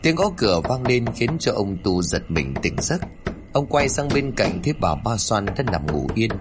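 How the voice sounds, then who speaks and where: A man's voice: lowish voice, sing-song, moderate pace, noisy background. A man narrating a horror story, reading in a dramatic, suspenseful way.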